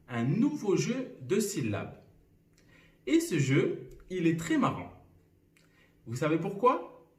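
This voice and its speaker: A male teacher giving a lesson from home to young children, speaking slowly and clearly and sounding out syllables. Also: on the high side. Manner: slow and clearly articulated, clapping out syllables. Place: a room at home. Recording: roomy echo, somewhat far from the mic.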